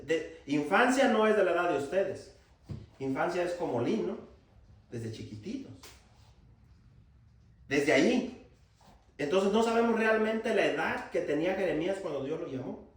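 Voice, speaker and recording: Pastor, slightly high voice, emphatic sermon with rhetorical questions, heard from far off in a very echoey hall. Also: male voice. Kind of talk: sermon to young people. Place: church hall.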